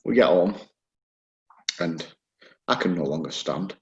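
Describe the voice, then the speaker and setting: Male podcast co-host, very low voice, dry and wry delivery. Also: lively intonation, unhurried, lo-fi sound. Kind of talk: casual chat.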